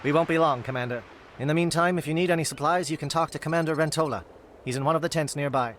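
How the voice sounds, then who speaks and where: A man's voice: a little high, fast, fairly bright tone, a little hiss or hum, lightly acted. A man playing a disciplined alien captain in a video game, speaking in a clipped, formal, urgent way. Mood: businesslike. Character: brisk, disciplined male alien military captain. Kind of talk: dramatic video game acting.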